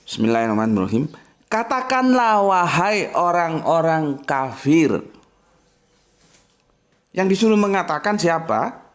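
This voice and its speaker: Male religious teacher, very lively intonation, emphatic, casual lesson, rhetorical questions. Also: mid-range voice, vocal fry. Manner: emphatic, explains with spoken examples and rhetorical questions. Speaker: Islamic teacher.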